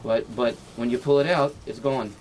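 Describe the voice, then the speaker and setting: A man's voice: mid-range voice, steady tone, moderate pace, slight background noise. A man, a rabbi, teaching an informal halacha class, explaining and demonstrating knots step by step, checking with "right?" and mixing in Hebrew and Yiddish terms. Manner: demonstrates knots with his hands while talking.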